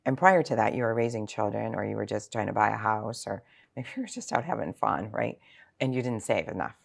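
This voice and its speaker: A sixty-year-old woman with a bass voice and some vocal fry talks a little fast. She plays a financial planner in an interview, giving casual answers full of examples and rhetorical questions.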